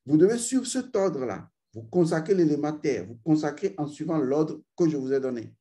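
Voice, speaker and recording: Man slowly intoning ritual vowel sounds. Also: fairly high pitch, lively intonation, dark tone. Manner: slow and deliberate, intoning drawn-out vowel sounds; addresses learners directly, repeats "vous voyez". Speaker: spiritual teacher. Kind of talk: esoteric ritual instruction.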